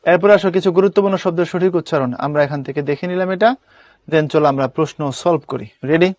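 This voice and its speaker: A man's voice: a little high, quick pace, a little mellow, no room sound. A young man teaching an online class, explaining step by step and repeating key words as drills.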